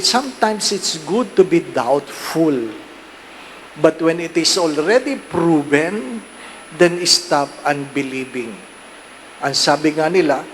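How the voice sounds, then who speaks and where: A Filipino priest preaching a homily in a fairly high voice, taking his time with each phrase. He switches between Tagalog and English and keeps checking in with the congregation through questions. A faint hum of noise sits behind him. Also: poor audio. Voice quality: mixes Tagalog and English, asks the listeners frequent rhetorical questions. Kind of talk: sermon.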